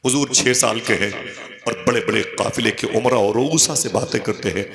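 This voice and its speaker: A man giving an emotional sermon, telling the story with passion and rising to high cries when he quotes. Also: normal speed, vocal fry. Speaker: Islamic preacher. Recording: echoey hall with crowd behind. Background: listening crowd.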